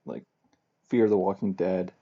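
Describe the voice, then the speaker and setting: A man with a low, gravelly, husky voice chats and jokes at his own expense. The recording sounds dull and lo-fi. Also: steady tone, unhurried. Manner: laughs easily, self-deprecating. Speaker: podcast co-host. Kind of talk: casual chat. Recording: dull lo-fi mic.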